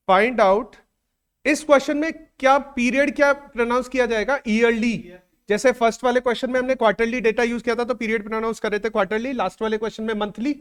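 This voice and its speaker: A male teacher giving a classroom lecture in a conversational way, repeating phrases, checking in with students, and dictating numbers slowly. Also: extremely high pitch, smooth.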